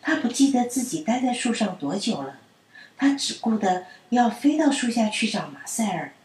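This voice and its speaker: A woman reads children's stories aloud in a gentle, soothing storyteller manner. Her voice sits fairly high, and she sounds distant in a roomy, echoey space. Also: very animated, normal speed.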